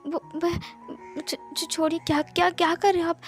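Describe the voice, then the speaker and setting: Woman doing a nervous, stammering young guy, high and jumpy, soft music behind; storybook reading. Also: steady tone, normal speed, natural voice. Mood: flustered. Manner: stammering, pleading. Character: shy flustered young man, timid and nervous.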